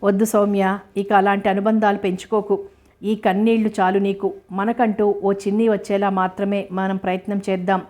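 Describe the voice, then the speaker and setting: Woman reads a teasing, tender young suitor, even and steady, for a storybook audio novel. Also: medium pitch, moderate pace, close to an everyday voice. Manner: playful, teasing. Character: teasing affectionate young man, a writer.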